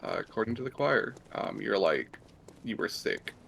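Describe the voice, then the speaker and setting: Male co-host for a let's-play, low and gravelly, rambling casual delivery. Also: expressive, moderate pace, fairly bright tone, slight background noise. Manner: rambling, filler-heavy explanations. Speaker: gameplay co-host.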